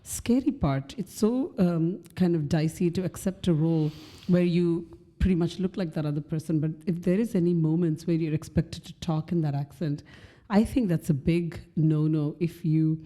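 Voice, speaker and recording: A woman co-hosting a podcast who speaks thoughtfully and pauses to search for her words. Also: sits low, warm tone. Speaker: podcast co-host. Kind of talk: casual conversational chat.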